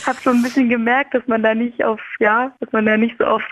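A woman caller from the Rhineland, chatting on a radio call-in show and telling stories in a lively, animated way. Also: on the high side, fairly quick, a little hiss or hum. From Rhineland, Germany. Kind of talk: casual storytelling on a call-in show. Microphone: telephone. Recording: muffled phone line.

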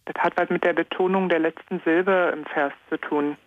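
A woman's voice: lowish voice, steady tone, moderate pace, a little hiss or hum. A young woman in her twenties joins a radio chat as a student guest. She answers modestly and a little hesitantly, laughing easily. The sound is muffled and lo-fi.

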